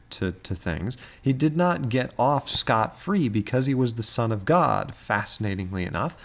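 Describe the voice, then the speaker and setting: A man giving a conversational, reflective talk explaining scripture, with chuckles and fillers. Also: mid-range voice. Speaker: author and commentator.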